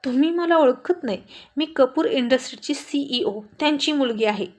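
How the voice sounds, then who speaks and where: A woman's voice: high-pitched, lively intonation, moderate pace, pitched above the performer's own voice. A woman voicing a haughty, rude rich young woman who complains sharply and scornfully.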